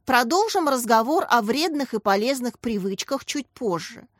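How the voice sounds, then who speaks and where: A patient young schoolteacher who speaks gently and evenly, read by a woman in a storybook. The voice sits a little high and the recording is dry. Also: expressive, normal speed, no echo. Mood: calm.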